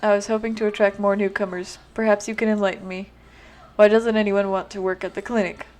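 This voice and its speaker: A woman voicing a reserved, tense male doctor with a light Southern accent, speaking quietly and formally. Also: mid-range voice, flat delivery, a little fast, close to an everyday voice. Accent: American Southern.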